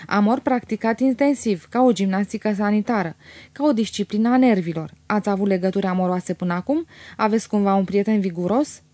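A woman's voice: medium pitch, dark tone, close to an everyday voice. A woman doing a glib cynical young medical student.

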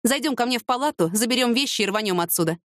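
A woman's voice: fairly high pitch, expressive, rapid-fire, dry recording, studio quality, voice pushed up, natural voice. A woman reading an audiobook, voicing a fiery, impulsive young woman with heated, emphatic retorts. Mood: insistent.

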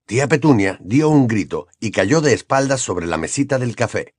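A male audiobook reader with a lively, wide-ranging delivery and a middle pitch, telling the story in a dry, close recording. He reads expressively. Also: normal speed, no echo. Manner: expressive, jumps into character voices. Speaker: audiobook narrator. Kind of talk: scripted narration.

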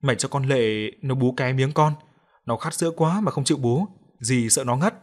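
A man voicing a sharp-tongued old grandmother. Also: medium pitch, normal speed, lightly acted. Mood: snappish. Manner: snappish, scolding.

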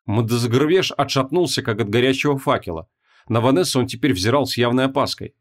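A man narrating a fantasy audiobook in an even, measured storytelling manner. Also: mid-range voice. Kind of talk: scripted narration.

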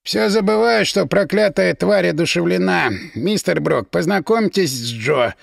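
A tipsy inventor who shrugs everything off with weary irony, as a male reader puts him on. The voice has a gravelly texture and lively turns in pitch, recorded dry and close. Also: a little slow, no echo, heavily acted. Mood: ironic. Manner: ironic, weary. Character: lazy, boozy male inventor, ironic.

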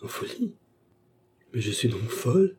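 A man reading aloud, voicing a frightened young woman who pleads in rising, anxious questions, in a husky voice. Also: mid-range voice, expressive, normal speed, mellow, a little hiss or hum, voice pushed up, close to an everyday voice. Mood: panicked.

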